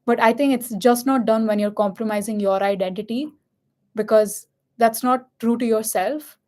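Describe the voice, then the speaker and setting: A woman's voice: a little high, steady tone, moderate pace, a little mellow. Earnest woman with an Indian accent. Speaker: vlogger. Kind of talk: casual personal storytelling.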